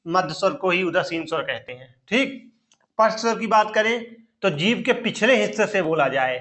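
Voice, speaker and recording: A man's voice: high-pitched, lively intonation, normal speed, a bit bright. A man teaching an online Hindi grammar lesson for teaching exams, repeating each term and asking the viewer questions as he goes. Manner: repeats terms and quizzes the listener with questions. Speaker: Hindi teacher for exam preparation. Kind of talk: online exam-prep lesson.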